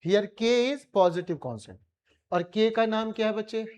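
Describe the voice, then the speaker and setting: In a high, smooth, slightly mellow voice, an Indian physics teacher speaks slowly during a classroom revision lecture. He's colloquial, coaxing his students along by asking questions again and again.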